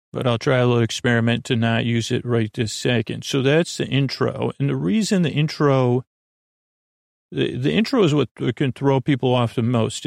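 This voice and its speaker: A sleep podcast host with a mid-pitched, very creaky and slightly mellow voice rambles in a soothing, lulling way. He wanders between tangents, trailing off mid-sentence and restarting, in a dry recording with no room sound.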